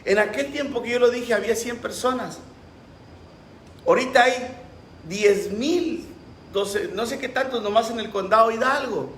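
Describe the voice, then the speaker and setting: A man's voice: very high-pitched, moderate pace, a bit bright, a little hiss or hum. A pastor preaching a sermon with passion, acting out the voices he quotes. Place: church. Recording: roomy echo.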